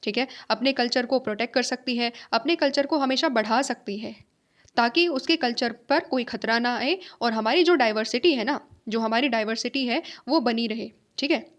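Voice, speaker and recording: A woman's voice: a little high, normal speed. A woman teacher giving a lecture, asking and answering her own questions, repeating key points and checking that her students follow. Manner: mixes in English phrases, checks understanding with tag questions. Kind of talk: classroom lecture.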